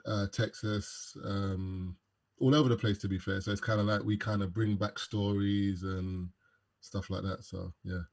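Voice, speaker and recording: In an easygoing interview chat, a young podcast guest with a London accent jokes around, leaning heavily on fillers. The voice is lowish, flat and unhurried, with vocal fry.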